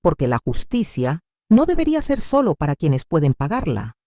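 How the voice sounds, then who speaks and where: A determined young lawyer, firm and protective, speaks with earnest conviction in a told story, as a woman narrator puts him on. The voice rises and falls in a lively way and sits on a mellow, warm tone. It sounds dry and close. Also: on the high side, moderate pace, no echo.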